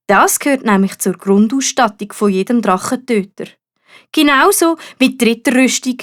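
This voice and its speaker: A woman with a Swiss German accent narrating a children's story expressively, as a storyteller. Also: on the high side.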